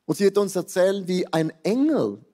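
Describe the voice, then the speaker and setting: A man in his fifties with a Swiss German accent preaching a sermon, animated and joking, dropping to quiet asides and rising to exclamations. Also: sits high, normal speed. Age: 50s. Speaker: pastor. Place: large church hall. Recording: long hall reverb.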